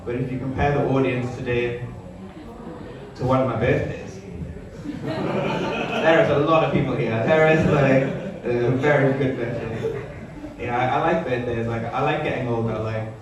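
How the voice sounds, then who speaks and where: Echoey young stand-up comedian, male. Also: medium pitch. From Newcastle, northern England. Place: small sparsely filled comedy venue. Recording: echoey live room, distant mic, audience noise.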